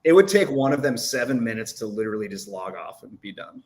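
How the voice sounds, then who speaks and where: Male guest, deadpan and dry, lower voice, casual conversation. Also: quick pace, slight background noise. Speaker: podcast guest. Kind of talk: casual chat.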